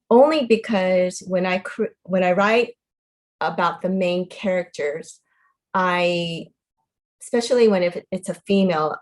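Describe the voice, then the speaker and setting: A woman author being interviewed, modest and cheerful, laughing often and filling her pauses with ums. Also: fairly low pitch. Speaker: author guest. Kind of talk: casual interview.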